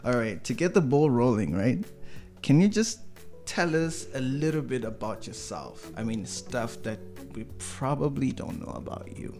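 Man, podcast host, casual interview, relaxed, says um and yeah a lot, middle pitch. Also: normal speed, soft background music. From Africa. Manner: relaxed, with fillers and short affirmations.

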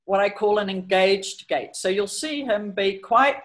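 A woman's voice: medium pitch, measured pace. A middle-aged woman, a horse trainer chatting hesitantly through a training video and telling stories about her horse. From New Zealand. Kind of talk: explaining training over a video, storytelling.

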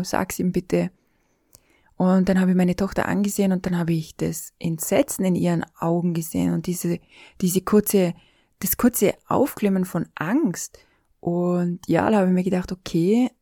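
A middle-aged woman with an Austrian accent recounts an emotional personal experience. Her voice sits low and warm, and she often sinks into a whisper. The sound is close and dry, with no room echo. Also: creaky. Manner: intimate, often sinking to a whisper. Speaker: storyteller.

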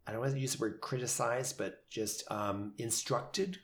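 Man, theater director, casual podcast chat, middle pitch, rambling, lots of fillers. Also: fairly even intonation, normal speed. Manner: thoughtful, rambling with many fillers and restarts. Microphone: headphones and studio mic.

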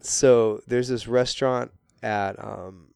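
Guy on a podcast, stuffed up mouth breather, croaky low voice, dry self mocking chat, close dry sound. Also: steady tone, slow pace, a little mellow, dry recording. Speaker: podcast guest. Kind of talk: casual chat.

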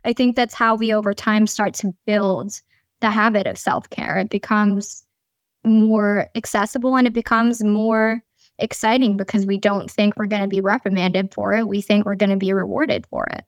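Earnest woman with a smooth voice. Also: mid-range voice, fairly even intonation, moderate pace, no echo. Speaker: podcast guest. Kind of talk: casual chat.

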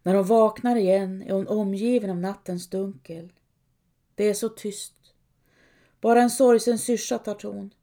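Woman narrating a dark folk tale. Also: mid-range voice, steady tone. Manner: measured, dramatic reading. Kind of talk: scripted storytelling narration.

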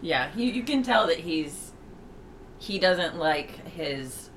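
A co-host on a casual podcast reacts to a film with short agreeing replies and gushing praise. The voice sits at an ordinary middle pitch, and the talk is loose and chatty. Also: expressive, takes it slowly, fairly bright tone.

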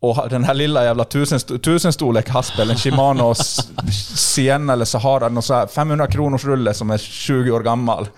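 A young man telling a story in a casual podcast chat, animated and full of fillers and restarts. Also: medium pitch, few pauses. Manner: animated, acts out dialogue, lots of fillers and restarts. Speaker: podcast guest.

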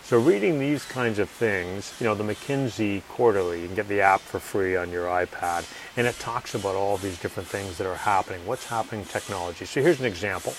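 A man's voice: on the low side, fairly quick, few pauses, slight background noise, rough recording. A man being interviewed as an author, speaking confidently and emphatically, repeating his key points. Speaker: author and guest. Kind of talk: conversational interview.

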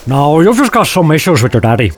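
A man voicing a gruff, crude orderly who talks bluntly and sardonically. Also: fairly high pitch, big pitch swings, fast. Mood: sardonic.

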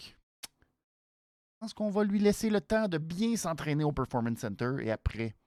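A host with a nasal voice and a Quebec French accent gives a casual show recap, halting and repeating words for emphasis. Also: mid-range voice, no echo, studio quality. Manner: animated, hesitant, halting phrases with repeats for emphasis. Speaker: wrestling show review host.

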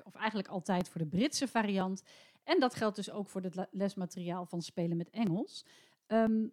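A woman in her forties from the Netherlands hosts her own podcast as a teacher trainer. She talks in a chatty, opinionated way and often stops to hesitate mid-thought. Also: mid-range voice. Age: 40s. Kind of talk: solo podcast talk.

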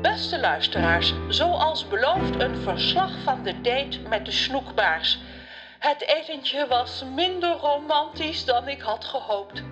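A woman's voice: sits high, animated, slow pace, highs cut off. A woman voicing a lovesick, theatrical woman presenter in an audio story. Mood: wistful. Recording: music faint underneath.

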